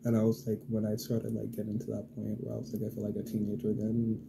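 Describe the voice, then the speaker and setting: A man's voice: on the low side, monotone, quick pace, gravelly, very noisy. A young man telling a story in a casual, rambling way, full of fillers and swearing, getting heated. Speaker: vlogger.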